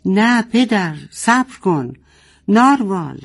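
A man's voice: on the high side, darkish tone. A man voicing a young girl who pleads and screams through tears. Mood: pleading screams.

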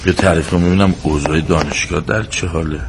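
A man's voice: steady tone, heavy background noise. A man acting as a tired middle-aged father and husband in a drama, often muttering under his breath and flaring up when angered. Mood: coaxing. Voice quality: low mutter at rest, loud shouts when angry. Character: weary middle-aged father, mumbling, quick to flare.

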